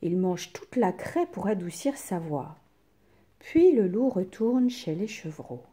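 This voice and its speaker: Woman storyteller for kids' tale, slow and expressive, warm mellow tone, lively pitch. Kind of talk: children's story reading.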